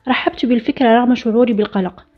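Quick, bright-toned woman storyteller. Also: a little high. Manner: steady first-person storytelling read. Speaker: narrator. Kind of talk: scripted story narration. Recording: dull lo-fi recording with faint music.

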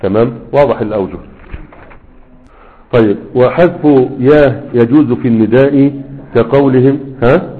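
A man's voice: mid-range voice, moderate pace, long pauses, husky. A man with an Egyptian accent teaching grammar, reciting verses and quizzing listeners with rhetorical questions. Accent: Egyptian Arabic. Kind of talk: recitation and explanation lesson. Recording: tinny phone-like sound.

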